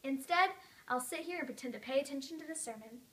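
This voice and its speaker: Bright, expressive woman performing a comic monologue. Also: high-pitched, quick pace, far from the mic. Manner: expressive, with sudden loud comic outbursts. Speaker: speech competition performer. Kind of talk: memorized humorous monologue.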